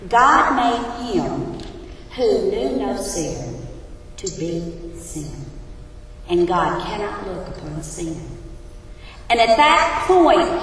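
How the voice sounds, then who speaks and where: A woman's voice: medium pitch, distant mic, slight background noise. A woman teaching a sermon who asks her congregation questions, her voice echoing around a big hall. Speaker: Bible teacher. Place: large hall.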